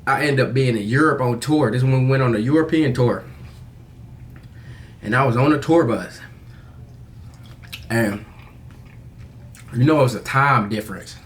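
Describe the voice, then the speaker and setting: A young American man telling a personal story in a casual confessional vlog, candid and halting, with slangy, profane phrasing. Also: mid-range voice, a little hiss or hum. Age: young adult.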